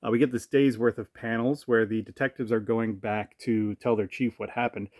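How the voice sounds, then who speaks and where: A man's voice: fairly low pitch, little pitch movement, normal speed, darkish tone, no echo, studio quality. A man giving a casual spoken review, chatty and thinking aloud with fillers, recorded on a camera mic at home. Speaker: comic reviewer.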